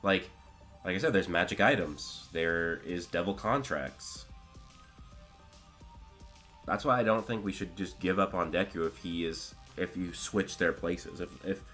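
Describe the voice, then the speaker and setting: This man's voice is low with a fairly bright tone and has turned scratchy from talking all day. He's live-streaming, casually discussing anime and fielding chat questions in a rambling, start-and-restart style.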